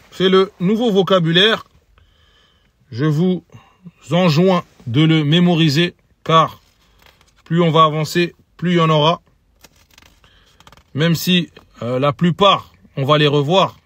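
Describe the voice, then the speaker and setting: Slow, high-voiced male teacher. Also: fairly bright tone, dry recording. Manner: slow, careful, repeats each example word aloud. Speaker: Arabic teacher. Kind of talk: recorded lesson, patient explanation.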